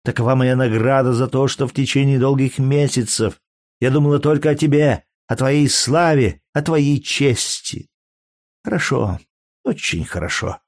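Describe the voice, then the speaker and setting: A man's voice: medium pitch, steady tone, moderate pace, darkish tone, no echo, clean studio sound, pitched above the performer's own voice, close to an everyday voice. A man reading aloud and voicing a jealous, scornful young Greek courtesan with a biting, mocking manner.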